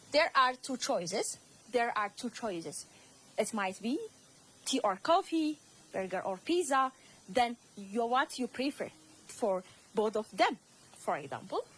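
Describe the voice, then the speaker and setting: A woman teacher with an Ethiopian accent, whose first language is Amharic, gives a slow, repetitive English lesson to young students. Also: on the high side, husky, poor audio. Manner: slow, repeats words, addresses students.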